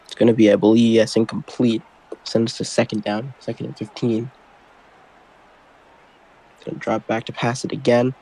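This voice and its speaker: A man's voice: medium pitch, little pitch movement, moderate pace, pauses often, mellow, poor audio. A man doing casual amateur play-by-play football commentary, rambling and correcting himself as he goes. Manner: rambling, self-correcting, apologetic while multitasking.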